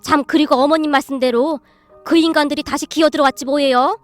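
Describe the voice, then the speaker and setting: A woman's voice: high voice, steady tone, fast talker, soft background music, close to an everyday voice. A woman voicing a timid middle-aged mother-in-law who earnestly practices sounding fierce. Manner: eager, earnest, practiced shouting.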